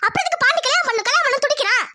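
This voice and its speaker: A woman's voice: very high-pitched, animated, very fast, sharp tone, exaggerated voice. A woman voicing a scheming, quarrelsome village sister-in-law in a cartoon drama, taunting and argumentative. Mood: indignant.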